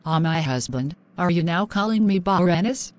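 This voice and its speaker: A woman's voice: lowish voice, expressive, moderate pace, natural voice. A woman voicing a long-suffering, devout young wife who pleads and prays. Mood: pleading. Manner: pleading, prayerful. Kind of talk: animated drama voice acting.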